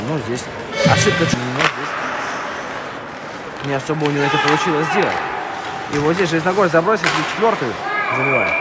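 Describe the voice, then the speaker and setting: A man giving live ice hockey commentary with loud rink noise behind him. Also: on the high side.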